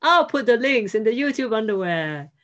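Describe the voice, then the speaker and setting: A woman's voice: a little high, sing-song, normal speed, a bit bright. Woman vlogger, dry self-deprecating banter, muffled lo-fi sound. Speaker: vlog co-host. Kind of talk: casual chat.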